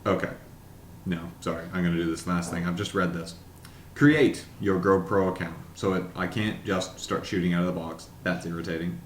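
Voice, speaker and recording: A man's voice: low voice, flat delivery, echoey room, slight background noise. A man chatting casually and wryly to camera as a vlogger, reading things aloud as he goes. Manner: chatty, wry, reads text aloud haltingly. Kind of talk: casual unboxing chat.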